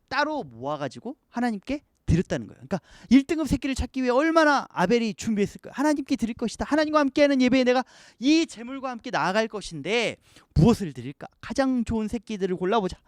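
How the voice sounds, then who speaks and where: Animated high-voiced male pastor. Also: quick pace, no room sound, clean studio sound. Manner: animated preaching, acts out quoted voices. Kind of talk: youth online sermon.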